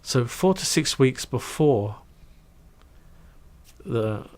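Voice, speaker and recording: A middle-aged man telling a career story in a casual, animated way, acting out quoted voices and trailing into asides. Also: medium pitch, drawn-out words. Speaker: guest recounting his career.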